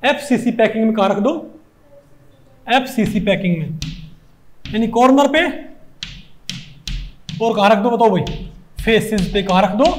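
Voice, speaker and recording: A man's voice: extremely high pitch, darkish tone. A male chemistry teacher with a Hindi accent lecturing a class, who keeps asking rhetorical questions and repeating his points.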